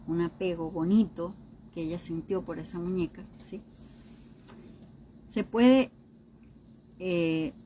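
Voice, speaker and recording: A woman with a warm, medium-pitched voice gives an informal teaching talk on emotional healing, often checking in with listeners through short questions. She acts out other people's remarks in quoted voices, and the rough recording has slight background noise.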